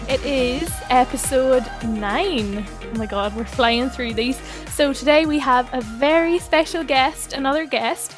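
Higher-voiced Irish woman hosting a podcast. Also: unhurried, hardly any pauses, over music. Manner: informal, loosely phrased. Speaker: podcast host. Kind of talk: casual chat.

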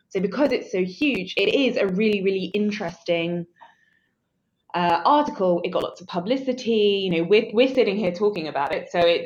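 Dull audio carries a woman's mid-range voice as she, a threat intelligence analyst, explains a security story on a podcast. She thinks aloud conversationally, articulate and drily funny.

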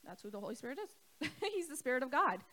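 A woman pastor, middle-aged, delivers a sermon from the pulpit. Her voice sits a little high, and she talks to the congregation directly, throwing questions out to them. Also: big pitch swings, quick pace, pushed and bright. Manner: conversational preaching, asks the congregation questions. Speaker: co-lead pastor.

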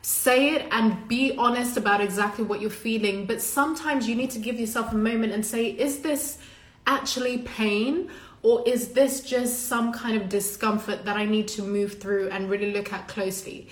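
Speaking at a moderate pace with a fairly high, steady voice, a Zimbabwean woman whose first language is Shona gives a casual, earnest and emphatic motivational talk to a live online audience. As a live-stream host and coach, she swears freely like a coach among friends, and the room sounds echoey and reverberant.

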